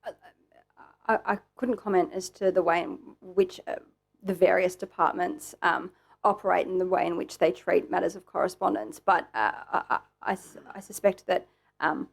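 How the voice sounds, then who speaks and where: A woman's voice: lowish voice, normal speed, gravelly. An Australian woman giving careful testimony as a witness, hesitant and repeating her words. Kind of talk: formal testimony.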